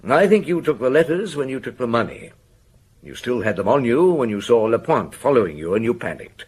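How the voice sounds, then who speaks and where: An actor playing a shrewd, dogged middle-aged police inspector in a radio drama, measured and dryly polite as he probes. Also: mid-range voice, very animated, slightly rough. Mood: probing.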